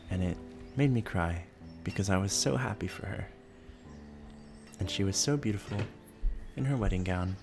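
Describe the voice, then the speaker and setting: A man rambling softly and sleepily, musing gently and without hurry in short phrases as he hosts. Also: sits low, vocal fry. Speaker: host of a relaxed rambling show. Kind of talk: soft sleepy rambling, narrating a town-building game.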